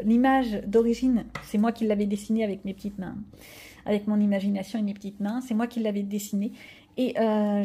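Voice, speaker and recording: A woman's voice: on the high side, warm tone. A middle-aged woman chatting casually in a haul vlog, rambling with fillers and restarts as she shows her purchases. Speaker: coloring channel vlogger.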